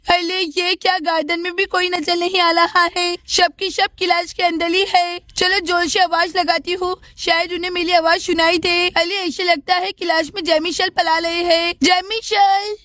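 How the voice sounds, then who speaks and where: A frightened little schoolgirl doll from a storybook cartoon, as a woman puts her on. She sounds very high and bright, with a flat, unvarying melody, and keeps pleading for help in an anxious way. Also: no echo, clean studio sound, exaggerated voice. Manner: anxious, pleading, calls out again and again. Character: scared little schoolgirl doll locked in a toilet.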